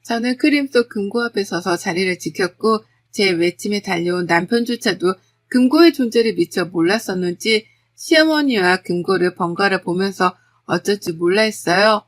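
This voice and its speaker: A middle-aged woman narrating her own family story in a steady, confessional first-person retelling. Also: mid-range voice, normal speed, few pauses.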